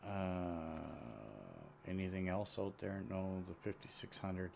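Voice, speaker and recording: A man missing his two front teeth, chatting casually and matter-of-factly in a rambling way as he live-streams a video game. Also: low-pitched. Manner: rambling, unhurried, matter-of-fact. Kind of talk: casual live-stream chat while gaming. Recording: steady background noise.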